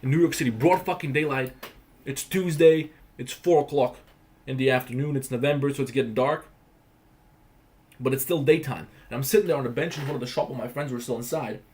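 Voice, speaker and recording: A young man from Croatia holds forth on a casual livestream in a plain, mid-pitched voice. He talks bluntly and swears freely, building up his stories with animated emphasis close to a desk mic. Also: brisk. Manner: profane, blunt, animated storytelling. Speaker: livestream host.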